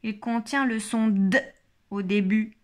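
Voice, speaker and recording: A woman teaching a child a phonics listening game, saying each word twice and articulating every sound slowly and carefully. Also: a little high, a little mellow.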